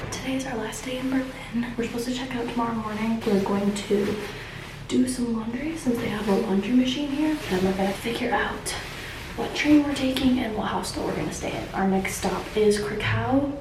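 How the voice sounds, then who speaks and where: A woman's voice: a little high, noisy background. A young woman from the United States vlogging casually to her camera while traveling, chatting with lots of "like" fillers. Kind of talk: casual vlog talk to camera. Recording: echoey with loud music behind.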